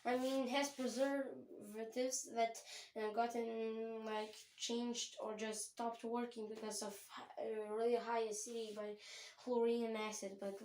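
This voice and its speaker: A woman's voice: on the high side, little pitch movement, measured pace, a little mellow, a little hiss or hum. A woman giving a rambling, chatty tour of her home chemistry lab, often correcting herself. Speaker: home chemistry channel host. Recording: echoey room.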